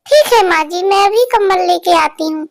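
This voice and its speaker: A woman's voice: extremely high pitch, normal speed, gravelly, no echo. A woman voicing a young bird daughter-in-law in a cartoon, worried and pleading. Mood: fretful. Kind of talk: cartoon voice acting.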